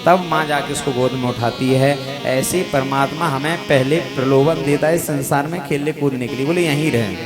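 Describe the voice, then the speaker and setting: A man preaching a devotional sermon, telling sacred stories and sinking his voice low and soft at the ends of phrases. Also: moderate pace, hardly any pauses, music in the background. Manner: storytelling, drops voice low and soft at line ends. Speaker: Bhagavat katha preacher. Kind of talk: devotional sermon with chanted Sanskrit verses. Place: live katha gathering with music accompaniment. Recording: musical instruments playing behind.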